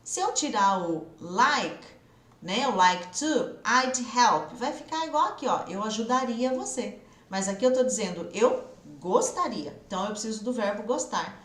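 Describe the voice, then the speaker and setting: A woman from Brazil teaching English online, cheering her students on and slowing down to model English phrases. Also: a little high, animated, fairly bright tone, roomy sound.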